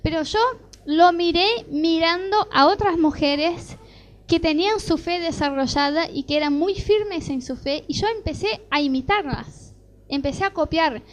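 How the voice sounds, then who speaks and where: A woman's voice: very high-pitched, unhurried. A middle-aged woman with an Argentine Rioplatense accent, preaching a sermon built around a personal testimony. She tells her story vividly and acts out the dialogue as she goes. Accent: Argentine Rioplatense Spanish. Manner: animated storytelling, acting out dialogue.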